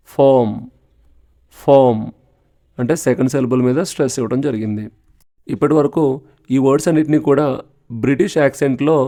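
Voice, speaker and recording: A man's voice: mid-range voice, darkish tone. Patient Telugu-accented male phonetics teacher. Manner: patient, repeats words slowly for practice. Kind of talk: explanatory lesson.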